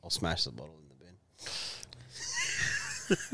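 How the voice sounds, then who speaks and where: A man's voice: extremely low pitch, measured pace, creaky, fairly bright tone. An Australian man co-hosting a podcast with casual, irreverent, sweary banter. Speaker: podcast co-host.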